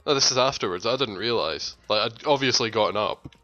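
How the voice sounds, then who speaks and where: A man's voice: on the low side, fairly quick, sharp tone, dull audio, faint music behind. A Scottish man chatting casually over a game, teasing his friend in a dry, sweary way. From Scotland. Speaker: gaming channel co-host. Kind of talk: casual gaming chat.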